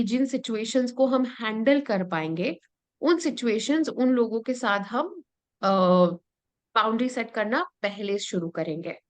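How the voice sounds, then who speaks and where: A woman with an Indian English accent leading an interactive lesson, explaining step by step and often checking that her listeners follow. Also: a little high. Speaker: workshop facilitator.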